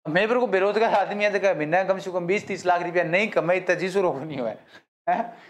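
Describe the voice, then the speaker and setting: A man's voice: high-pitched, fast talker. A man teaching a live online quiz class, praising students by name and joking in dialect. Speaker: exam-prep teacher.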